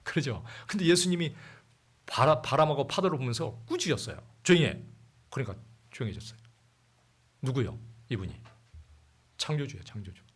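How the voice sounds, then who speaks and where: Husky-voiced pastor preaching conversationally. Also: male voice, mid-range voice, expressive, brisk, pauses often. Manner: conversational preaching, asks the congregation questions and reads scripture aloud. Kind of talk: sermon. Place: church.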